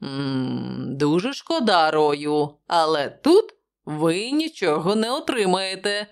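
A woman's voice: low voice, sing-song, slow, heavily acted. A woman voicing a jovial, wry male journalist who talks in a bantering way.

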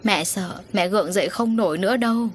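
A woman's voice: medium pitch, brisk, a little hiss or hum, natural voice. A woman voicing a grieving middle-aged mother who laments her losses in a storybook reading. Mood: sorrowful lament. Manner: lamenting, sorrowful.

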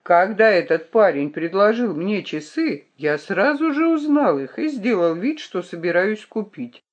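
A man's voice: sits high, animated, unhurried, highs cut off. A reader voicing a young male gardener who speaks bluntly and directly, without preamble. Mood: explaining.

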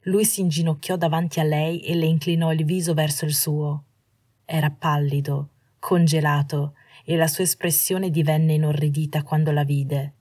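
A woman narrating a story aloud in a steady, measured reading. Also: deep voice, dry recording, studio quality. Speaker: reader. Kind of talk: scripted narration.

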